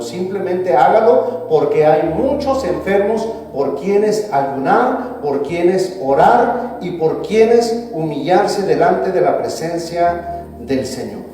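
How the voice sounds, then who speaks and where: Pastor guy preaching slow, mellow voice, echoey church from far off, soft music under. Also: high-pitched, lively intonation. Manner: preaching with emphatic rises and drawn-out stresses. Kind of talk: sermon. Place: church sanctuary. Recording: echoey church hall, voice from a distance.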